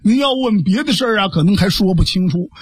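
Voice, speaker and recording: A man's voice: high-pitched, lively intonation, quick pace, husky, no room sound, studio quality. A male storyteller voicing a captured villain who bluntly reports a death in matter-of-fact detail. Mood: reporting.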